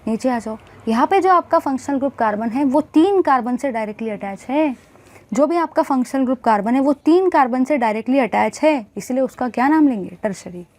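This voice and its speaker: A woman's voice: high voice, lively intonation, fairly quick, a little mellow. A woman teaching a chemistry class, asking questions and answering them herself, calling the students bhai and guys.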